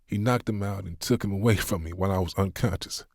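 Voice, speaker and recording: A worn-down, grieving man who turns his pain into defiant, self-pitying sarcasm, played by a man. The voice is deep and recorded close with no room sound. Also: fast, creaky, no echo. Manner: bitter, half-hearted sarcasm.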